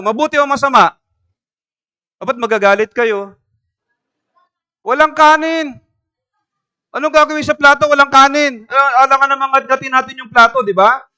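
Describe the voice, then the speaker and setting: Bright, clear-voiced pastor preaching. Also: male voice, high voice. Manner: preaching with questions to the congregation and a homely story. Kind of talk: sermon. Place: church.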